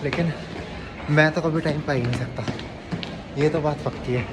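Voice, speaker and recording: A young man telling college stories in a casual vlog, animated and laughing often. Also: a little high, normal speed. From India. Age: young adult. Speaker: vlogger. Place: college campus. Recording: loud crowd noise behind.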